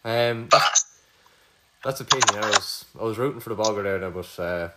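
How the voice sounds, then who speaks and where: A man's voice: fairly low pitch, normal speed, heavy background noise. A man with an Irish accent hosting a casual podcast quiz, full of crude teasing banter. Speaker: quizmaster host.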